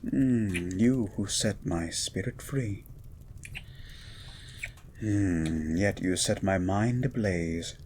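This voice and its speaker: Man playing slow, low-voiced Beast, erudite and romantic. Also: darkish tone, a little hiss or hum. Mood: tender, poetic. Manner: eloquent, formal, flirtatious, lingering over words. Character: gentle, erudite blue beast mutant scientist, romantic poet. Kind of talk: romantic roleplay audio with poetry reading.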